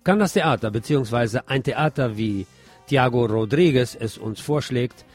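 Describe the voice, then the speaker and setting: Over soft background music, a male radio host with a mid-range voice reviews a theater production at a moderate pace. His monologue is expressive, and he speaks to listeners in a formal manner.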